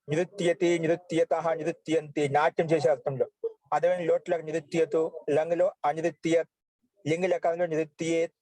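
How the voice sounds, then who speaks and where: A man teaching Sanskrit grammar, slowly reciting verb forms one by one. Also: on the high side, mellow, no room sound, rough recording. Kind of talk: online class lesson.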